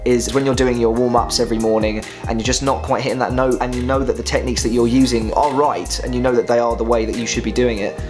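A man's voice: mid-range voice, quick pace, few pauses, music in the background. A young male singer and vlogger telling a personal story casually and animatedly, his voice strained by vocal nodules. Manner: animated, acts out quotes, laughs through his story.

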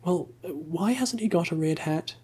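A man softly voicing an earnest, naive tourist. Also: fairly high pitch, a little slow, slightly rough, pitched above the performer's own voice. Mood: insistent. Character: naive eager male tourist. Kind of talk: whispered role-play.

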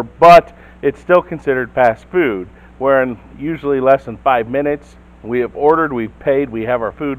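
A man's voice: medium pitch, rough recording. A man preaching a sermon as the church's pastor, telling a Bible story and putting questions to the congregation. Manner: storytelling, acts out quotes, asks the listeners questions.

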